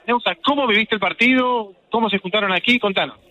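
A field reporter broadcasting live on radio from a community center talks at a quick pace in a high, pushed, bright voice. He describes the scene fluently and treats his interviewees politely. The highs are cut off, and there's music in the background.

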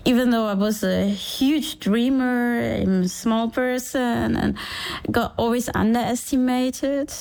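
A woman in her forties, born in Sri Lanka, tells her story in an easygoing interview. Her voice sits a little high. She slips into the voices of people she remembers and laughs often. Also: slow, gravelly. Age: 40s. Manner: animated storytelling, acting out past voices, laughs easily. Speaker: engineer and startup founder. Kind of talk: relaxed conversational interview.

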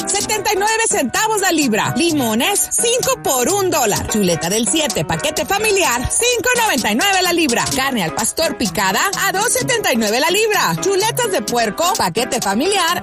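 Female radio ad announcer, high lively pitch, upbeat sell, music under. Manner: upbeat, salesy. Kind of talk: scripted radio ad read. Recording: music bed behind.

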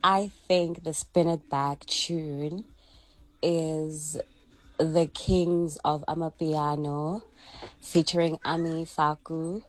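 A woman with a low, level voice speaks in a voice note played on air. She talks slowly and casually, with easygoing, halting guesses. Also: steady tone. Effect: voice note played over the radio. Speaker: listener sending a voice note to a radio show. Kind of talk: casual chat.

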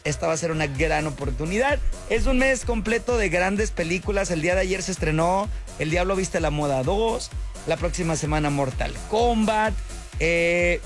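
A high-voiced man hosts an evening radio show, loose and slangy. Faint music plays beneath his voice. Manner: chatty, slangy, laid-back. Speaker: radio host. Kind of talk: casual radio chat. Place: radio studio.

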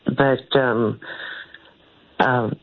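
Halting woman caller on a phone line. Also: extremely low pitch, steady tone. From St. Louis, Missouri. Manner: halting and rambling, trails off mid-sentence. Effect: heard over a phone line. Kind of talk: call-in radio talk.

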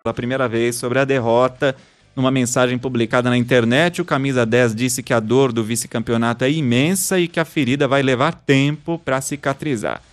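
A man's voice: medium pitch, steady tone, a little fast. A man hosting a news podcast, reading stories and listener messages in a scripted style. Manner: reads listener messages aloud.

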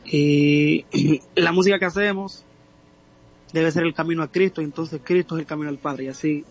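A man with a Dominican accent, a guest singer in a casual interview, pausing often with filler sounds. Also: on the high side, steady tone, husky, highs cut off. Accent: Dominican Spanish. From Dominican Republic. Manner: halting, many filler sounds.

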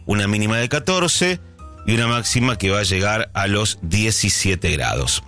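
A middle-aged man with a Rioplatense Spanish accent hosts a casual early-morning radio show, chatting and thinking aloud with lots of fillers and restarts. His voice is on the low side and a bit bright.

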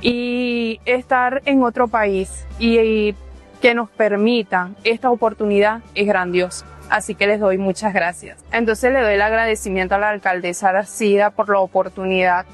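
A woman's voice: medium pitch, fairly even intonation, normal speed, soft background music. A woman from Venezuela giving a grateful, hesitant testimonial. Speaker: course participant.

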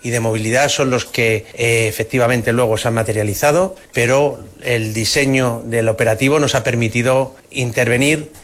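Man, emergency official, formal statement, bureaucratic wording, mid pitch. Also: fairly even intonation, moderate pace.

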